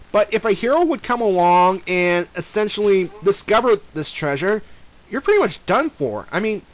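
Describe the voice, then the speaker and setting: High-voiced young man rambling over gameplay. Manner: rambling, many fillers and restarts, talks to the villain directly. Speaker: let's play commentator. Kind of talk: casual game commentary.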